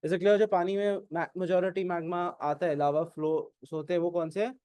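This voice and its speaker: A man with an Indian English accent teaching an exam-prep class, mixing Hindi and English and often asking whether it is clear. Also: high voice, level tone, normal speed, warm tone, no room sound. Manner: keeps asking "is it clear?", questions and answers his own prompts.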